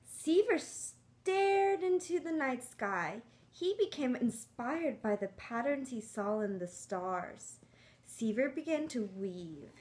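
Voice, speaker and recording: A woman's voice: a little high, lively intonation, takes it slowly, darkish tone. A woman reading a picture book aloud to young children, coaxing them along with simple questions. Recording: clearly noisy room.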